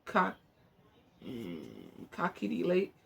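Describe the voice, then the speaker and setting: An amateur narrator with a low, creaky voice reads a book slowly but very animatedly. The reading is informal, with stumbled words and chatty musings to herself breaking in, and faint background noise underneath.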